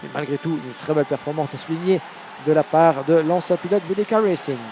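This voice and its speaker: A man giving live motorsport commentary as a race commentator, with hesitant, pause-filled phrasing. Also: fairly high pitch, warm tone, a little hiss or hum.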